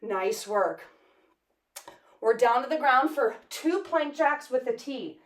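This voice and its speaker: A woman's voice: high-pitched, expressive, slow pace, heavy background noise. A woman fitness instructor cueing a workout class energetically while exercising, counting out reps. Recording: echoey room, mic at a distance.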